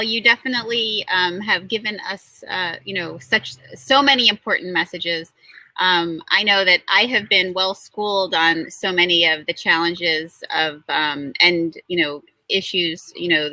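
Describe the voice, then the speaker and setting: Female interview host, middle-aged, bright and slightly low, filler-heavy casual delivery. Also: no room sound, low-quality recording. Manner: many fillers, warm thanks to guests. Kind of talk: conversational interview.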